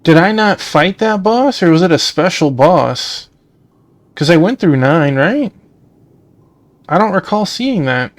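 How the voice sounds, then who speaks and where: A man's voice: high-pitched, big pitch swings, measured pace, long pauses, dry recording. A man casually commenting on a video game as he plays, chatting and reading the subtitles aloud. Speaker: let's play host. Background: game music.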